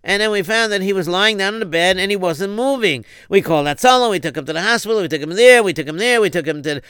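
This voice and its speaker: A man's voice: sits high, animated, quick pace, fairly bright tone, clean tone, dry recording, clean studio sound. A man playing a flustered, stammering father. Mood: anxious. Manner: rambling, stammering, exclamations. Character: anxious, flustered father pleading for help.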